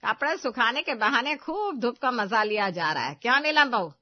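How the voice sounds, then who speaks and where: A woman voicing a stubborn older mother-in-law who taunts and scolds loudly in a cartoon story. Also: medium pitch, very animated, a little fast, muffled recording. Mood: scolding. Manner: loud, sharp, taunting.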